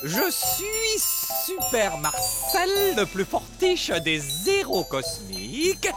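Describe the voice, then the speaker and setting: A man's voice: very high voice, huge pitch swings, slow pace, loud music behind the voice, full character voice. An actor voicing a vain, pompous alien king in a cartoon, with a theatrical accented delivery. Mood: boastful. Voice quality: theatrical, accented, mangled words. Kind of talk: cartoon voice acting.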